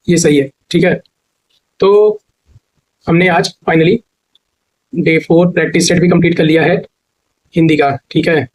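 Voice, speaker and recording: Male teacher, high husky voice, patient step-by-step explainer for exam prep. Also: a little mellow, low-quality recording. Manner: explains step by step, repeats words slowly to spell them. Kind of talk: exam-prep grammar lesson.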